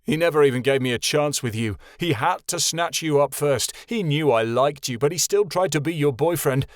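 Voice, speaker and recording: A man voices a shy, resentful young warlock, pitching his natural voice above its usual level. His delivery is fairly high, expressive and at normal speed, recorded at studio quality with no echo.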